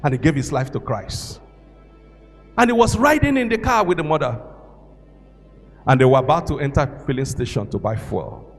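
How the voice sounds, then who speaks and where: Animated male preacher telling a story. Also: fairly high pitch, moderate pace, long pauses. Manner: animated, dramatic, swinging from loud to hushed. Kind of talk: sermon storytelling. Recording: echoey hall with faint music.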